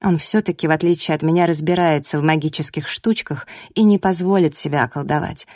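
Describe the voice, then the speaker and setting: A woman reading a first-person audiobook in a lively, expressive storytelling manner, close to the mic. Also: sits low, fairly quick, no echo. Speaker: audiobook narrator.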